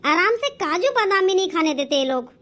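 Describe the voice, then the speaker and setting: A voice actor playing a greedy, grumbling mother-in-law in a comedy cartoon, a little lower than the other women. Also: expressive, a little fast, bright, forceful tone, exaggerated voice. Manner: grumbling, lazy.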